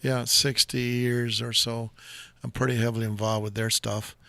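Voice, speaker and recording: A man's voice: mid-range voice, flat delivery, moderate pace, creaky, bright, forceful tone, dry recording. An older man hosting a live talk show, chatting in a rambling, enthusiastic and jokey way.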